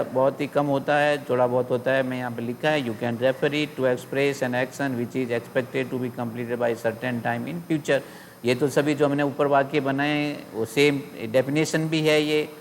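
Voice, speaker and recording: Slow-dictating male teacher in echoey classroom. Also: mid-range voice. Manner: slow, deliberate dictation of example sentences, then quick Hindi explanation. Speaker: school English teacher. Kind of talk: classroom grammar lesson, mixing Hindi and English. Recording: roomy long reverb with faint ambient noise.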